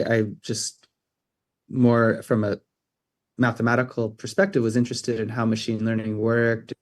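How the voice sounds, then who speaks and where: Hesitant male interview guest, thirties, low flat delivery. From California. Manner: hesitant, many ums and restarts. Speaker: interview guest, optics researcher. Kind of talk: casual interview answers.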